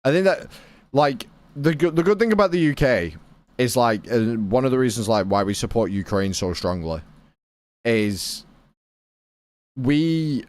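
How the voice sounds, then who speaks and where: A man's voice: medium pitch, animated, measured pace, long pauses, darkish tone, dry recording. A British man streaming a game and chatting casually with his viewers, rambling and swearing freely. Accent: British English. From Britain. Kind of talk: casual chat with live viewers.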